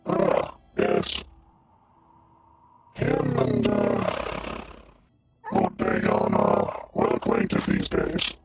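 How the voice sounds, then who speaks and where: A man's voice: wildly swooping pitch, over loud music, full character voice. A game master voicing a sly, deformed demon-serving male creature through a voice changer. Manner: slow, gravelly, swooping. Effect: voice changer, deep distorted growl. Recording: loud crackling distortion from voice changer.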